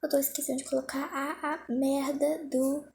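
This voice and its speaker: A young woman talks to her viewers in a casual vlog, flustered and rushing, often teasing herself. Her voice sits a little high yet sounds mellow and soft-toned. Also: flat delivery. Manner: flustered, hurried, self-mocking. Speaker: vlogger. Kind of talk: casual self-talk during a timed phone challenge.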